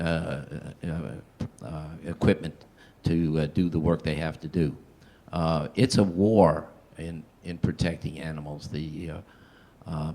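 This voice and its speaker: Really deep voiced guy talking on a panel, pretty flat, halting and hesitant. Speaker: panel speaker. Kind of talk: informal public panel talk.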